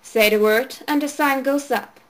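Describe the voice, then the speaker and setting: A woman's voice: high-pitched, unhurried. A woman voicing an easygoing young father who speaks lightly and casually.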